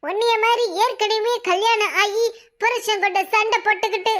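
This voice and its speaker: A shrill, very high cartoon villainess who drags out her taunts, as a woman puts her on. She sounds smug and bossy, with a southern Tamil Nadu accent. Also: steady tone, a bit bright. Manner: slow, mocking, bossy. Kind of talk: cartoon voice acting.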